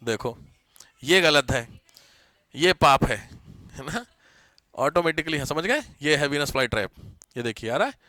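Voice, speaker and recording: A man teaching a live online class. His voice sits a little high and sounds bright and forceful. He talks in a chatty, teasing way and drops English terms into his explanations. The recording is close and dry. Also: very animated, a little slow, long pauses, no echo.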